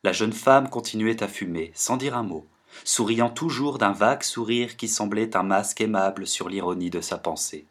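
A man narrating a classic novel in a measured, expressive audiobook reading. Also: fairly low pitch.

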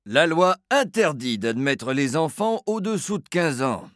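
A man voicing a calm, brisk male receptionist in a spoken story, with a sonorous, firm delivery. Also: on the high side, dry recording, clean studio sound, pitched above the performer's own voice. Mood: unruffled. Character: unflappable male receptionist, brisk and dryly ironic.

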